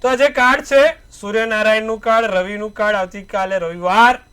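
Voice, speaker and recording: A man's voice: high voice, steady tone, brisk, a bit bright, clean tone. A man giving an astrologer's daily horoscope and tarot reading, advising in repetitive, proverb-like phrases.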